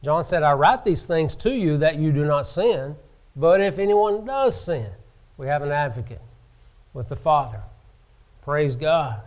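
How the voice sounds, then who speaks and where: A man preaching a sermon from the pulpit, slow and emphatic, rising in pitch and volume to stress his points. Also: animated, a little mellow. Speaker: pastor.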